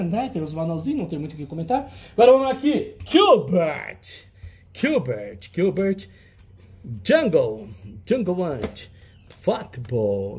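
A man's voice: sits high, a little mellow. A man hosting a retro game auction, showing old cartridges in casual, teasing banter. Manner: chatty, teasing, jokey banter with a helper.

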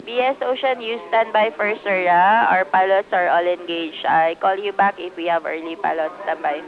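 A woman's voice: on the low side, fairly even intonation, moderate pace. A woman working as a pilot station radio operator, calling vessels in brief, clipped, formulaic phrases over a marine VHF radio. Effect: marine VHF radio transmission. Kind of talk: brief radio call procedure. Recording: tinny narrow-band radio.

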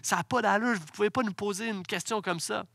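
A man voicing an outraged, indignant young male student who protests loudly. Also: high-pitched, quick pace, vocal fry, dry recording, clean studio sound, pitched above the performer's own voice, exaggerated voice.

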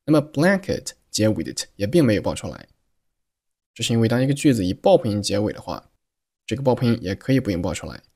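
Male pronunciation teacher, low voice, methodical, repeats words slowly. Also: big pitch swings, mellow, breathy edge. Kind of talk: explaining English pronunciation.

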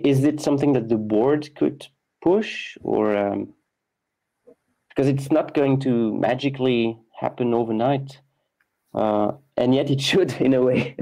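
Gravelly man moderating a call. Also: mid-range voice, dark tone, low-quality recording. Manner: questioning, hesitant. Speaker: meeting moderator. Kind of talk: casual meeting discussion. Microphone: video call.

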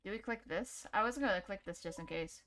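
A woman's voice: medium pitch, fairly quick, fairly bright tone. A woman giving casual let's-play commentary, jumpy and chatty, laughing often and talking to the game as she plays. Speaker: gaming YouTuber.

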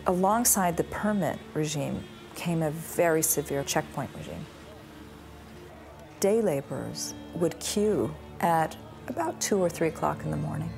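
A woman's voice: low-pitched, expressive, measured pace, creaky, a little mellow. A middle-aged woman recalling her own life in a documentary interview, recorded indoors on a close mic. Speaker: lawyer interviewee. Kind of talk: documentary interview, personal recollection. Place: small indoor room with bookshelves. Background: music.

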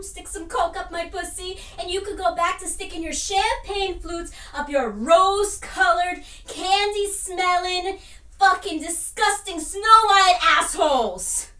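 A woman's voice: extremely high pitch, pushed and bright, roomy sound, recorded from a distance, heavily acted. A woman playing a brash, volatile young starlet from Jersey with a New York Queens accent, performing a profane, explosive dramatic monologue. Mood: raging, tearful.

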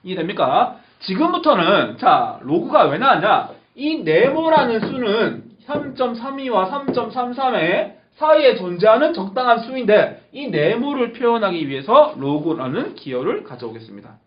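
A man's voice: sits high, very animated, moderate pace. A man teaching a math lesson, repeating key terms emphatically and checking that the class understands. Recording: echoey lo-fi classroom recording with faint hiss.

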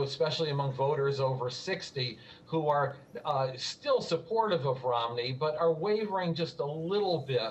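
A man speaking as a pollster by phone, halting, with many fillers. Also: medium pitch. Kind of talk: panel discussion. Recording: dull phone-line audio.

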